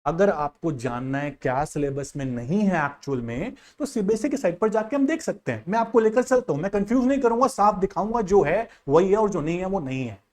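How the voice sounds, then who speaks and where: A male economics teacher walks students through an exam syllabus on screen in a casual guidance lesson, calling them "yaar" and "bhai." He's direct and insistent. His voice sits high and sounds darkish and expressive, and he speaks briskly with hardly any pauses.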